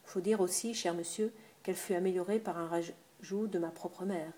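A woman's voice: on the low side, steady tone, normal speed, mellow, lightly acted. A woman voicing a talkative older countrywoman, an innkeeper's wife with homely familiar speech. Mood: chatty.

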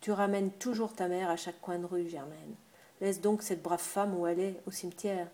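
A woman's voice: on the low side, steady tone, moderate pace, mellow, natural voice. A woman voicing a grumbling older male village innkeeper in his sixties who speaks in coarse country talk.

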